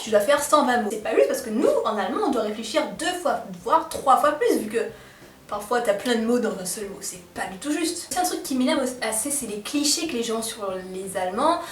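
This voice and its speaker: Teen girl, comic vlog, sarcastic, slangy, high voice, roomy distant sound. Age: teens. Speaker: vlogger.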